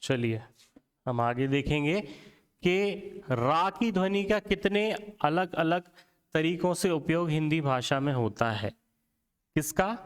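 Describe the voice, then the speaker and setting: A man's voice: a little high, animated, slow, smooth, long reverb tail. A man teaching a Hindi grammar lesson, asking the class questions and answering them himself, often checking in with "theek hai".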